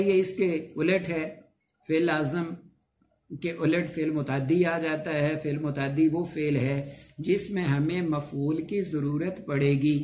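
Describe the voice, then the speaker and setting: A man with a Pakistani Urdu accent gives a grammar lesson in a fairly high voice, patiently stacking up example after example. He is recorded in an echoey room with a faint hum of ambient noise behind him. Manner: explains slowly with many repeated examples.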